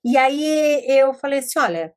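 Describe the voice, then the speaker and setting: A woman from Brazil, middle-aged, with a somewhat high voice, teaches in a relaxed, chatty way. She lingers on letter sounds one by one and slips into stories about her pupils. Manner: explanatory, sounds out letters slowly, tells anecdotes. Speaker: educator teaching literacy methods. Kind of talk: informal teaching talk.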